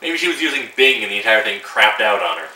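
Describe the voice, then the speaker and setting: A man's voice: on the low side, big pitch swings, quick pace, pushed and bright, roomy sound, far from the mic, poor audio. A teenage boy ranting to camera about a film, sarcastic and exasperated, swearing freely. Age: teens. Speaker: vlogger. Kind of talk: casual rant to camera. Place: room at home.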